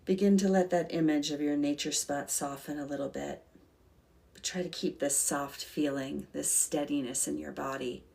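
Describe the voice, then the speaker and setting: A woman with a low-pitched voice and some vocal fry leads a calm grounding exercise as a meditation guide. She speaks gently and soothingly in short, unhurried phrases.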